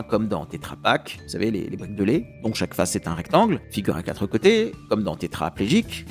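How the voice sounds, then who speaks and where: A man teaching poetry for an exam, with a voice of middling pitch. He talks with lively energy and chants verse out loud, tapping out each beat. Faint music plays under his voice. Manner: lively, scans verse aloud, counting beats. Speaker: French literature teacher. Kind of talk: exam-prep lesson on verse rhythm.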